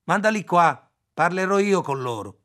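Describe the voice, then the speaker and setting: A man reading aloud as a brusque, rude middle-aged male travel agent, talking curtly and loudly. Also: mid-range voice, expressive, normal speed, natural voice. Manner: curt, loud, dismissive.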